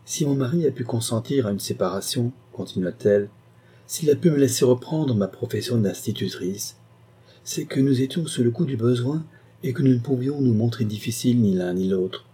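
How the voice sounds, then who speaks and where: Scheming young governess, measured and pointed; a man reads her, husky and mellow. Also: mid-range voice, lively intonation. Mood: earnest. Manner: measured, pointed, deliberately detaching words. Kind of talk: audiobook character reading.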